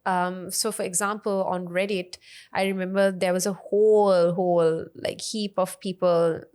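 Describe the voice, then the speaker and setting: A woman's voice: lowish voice, level tone, unhurried, a little mellow, clean tone. A young woman from Sri Lanka with a Sri Lankan accent, chatting as a podcast guest with frequent fillers and laughs. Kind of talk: casual podcast interview.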